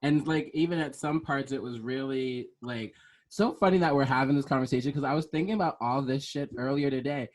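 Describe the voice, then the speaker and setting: A man's voice: mid-range voice, brisk, darkish tone. Chatty man with lots of fillers. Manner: rambling, filler-heavy, laughs easily. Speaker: podcast host. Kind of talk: casual chat.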